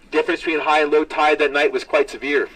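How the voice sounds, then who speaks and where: A man's voice: fairly high pitch, flat delivery, fast talker, a bit bright, dry recording. A man working as a tour guide, telling a story live to a group in dramatic short phrases and questions to his listeners. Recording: distant mic, live on-site capture.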